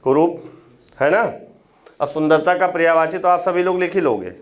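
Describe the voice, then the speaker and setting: This Hindi grammar teacher's voice is fairly high, at a normal speed. Preparing students for exams, he breaks things down step by step, says key words again so they can be written down, and checks understanding with brief tag questions.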